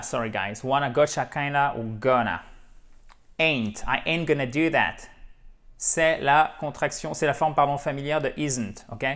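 Man teaching English slang. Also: mid-range voice. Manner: explanatory, repeats example phrases, lively asides. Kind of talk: video lesson at a whiteboard.

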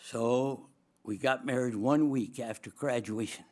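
An older man with a Swedish accent, a former dean, delivers a storytelling chapel sermon at a lectern microphone in a large auditorium. His voice is mid-range and his pace measured. He's lively and humorous, laughing often and gesturing broadly as he tells his story.

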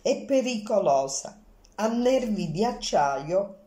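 A woman's voice: mid-range voice, sing-song, slow, warm tone, roomy sound. A woman reading Poirot, fussy and courteous. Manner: formal, polite, precise. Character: fussy, courteous middle-aged Belgian male detective.

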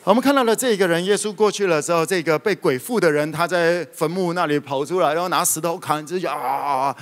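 A man preaching a sermon, telling stories in a lively way with sudden loud outbursts. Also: on the high side, a little fast. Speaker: pastor. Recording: reverberant hall.

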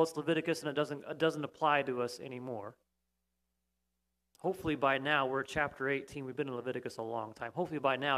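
A man's voice: a little high, fairly bright tone. A man preaching a sermon, explaining steadily and pressing key points. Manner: explanatory, emphatic at times, with restarts. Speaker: pastor.

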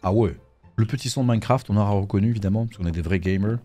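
A man commentating a horror game let's play in a jokey, animated way. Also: fairly low pitch, rapid-fire, soft background music. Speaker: gaming YouTuber.

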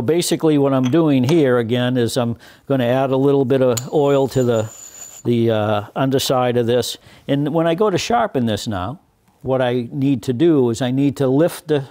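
Older man with a mellow voice explaining carving. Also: medium pitch. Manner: deliberate, explanatory, with frequent fillers and restarts. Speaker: woodworking instructor. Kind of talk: hands-on demonstration. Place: woodworking workshop at a bench.

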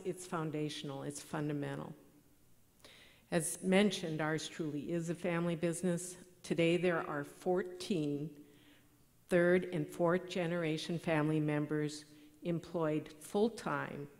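A middle-aged woman, giving a measured, earnest award acceptance speech at a podium microphone in a large banquet hall. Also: low-pitched. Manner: measured, earnest, read from notes. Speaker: award recipient. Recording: long hall reverb.

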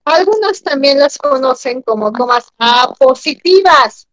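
A woman teaching grammar in an online class, animated and asking her students questions often. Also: high voice, unhurried, poor audio.

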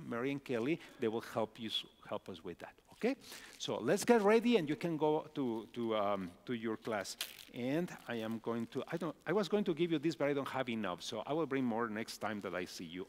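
Man, middle-aged pastor, children's message, animated pitch, reverberant sanctuary. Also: fairly quick. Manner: asks children many simple questions. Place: large church sanctuary. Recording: long hall reverb.

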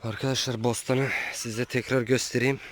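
A man's voice: medium pitch, flat delivery, moderate pace. A man chatting casually on his farm vlog, talking to his chickens and geese, scolding and coaxing them as he films. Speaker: small-farm vlogger. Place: outdoors at a small backyard farm. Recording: outdoor farm with audible poultry noise. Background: chickens and roosters clucking.

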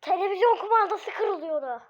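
A woman who is sick and coughing, giving excitable, sarcastic casual commentary while playing a mobile game. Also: very high-pitched, moderate pace, muffled recording, very noisy. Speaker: gamer streamer.

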